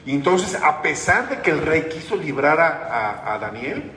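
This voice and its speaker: A man's voice: on the high side, very animated, a little slow, bright, forceful tone. A man preaching a sermon as pastor, in a conversational way that keeps asking the congregation questions. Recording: echoey hall with long reverb, faint noise.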